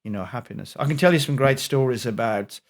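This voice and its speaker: Gravelly man telling a story. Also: medium pitch, quick pace. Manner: animated anecdotal storyteller. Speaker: guest health expert. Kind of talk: storytelling in a podcast interview.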